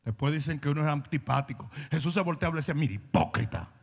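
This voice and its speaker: A man's voice: a little high, fairly even intonation, very fast, big-room sound. A male pastor preaching a blunt, confrontational sermon, mocking people and acting out their quoted words in voices.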